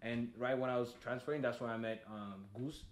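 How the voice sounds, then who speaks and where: A man's voice: medium pitch, a little fast. A young man from Ethiopia, a soccer coach and podcast guest, talking casually with a lot of fillers. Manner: relaxed, many fillers and "like". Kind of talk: casual conversation. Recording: faint background noise.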